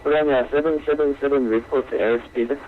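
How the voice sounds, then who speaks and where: A man's voice: mid-range voice, steady tone, fairly quick. A man giving clipped, procedural air traffic control instructions over the radio. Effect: radio transmission. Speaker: air traffic controller on an online flight simulation network. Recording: muffled lo-fi radio with faint noise.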